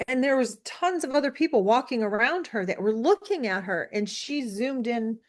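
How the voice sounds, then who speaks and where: Woman, 60s, from the US, interview guest; animated, rambling storyteller, voice a touch high. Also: moderate pace. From United States. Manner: animated, rambling with many fillers. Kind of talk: casual storytelling.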